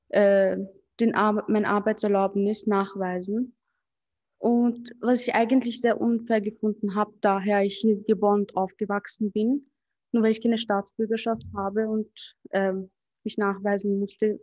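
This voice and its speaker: A woman's voice: mid-range voice, dark tone, no room sound, highs cut off. A seventeen-year-old woman from Austria, a student, giving a somewhat hesitant, earnest personal account at a press conference. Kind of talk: personal testimony. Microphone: podium microphone.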